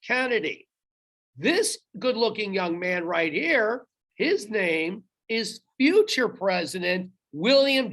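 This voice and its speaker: A man's voice: sits high, fairly bright tone. A male history teacher gives a recorded lecture in a chatty, friendly way. He speaks straight to his students and stops now and then to quiz them on trivia.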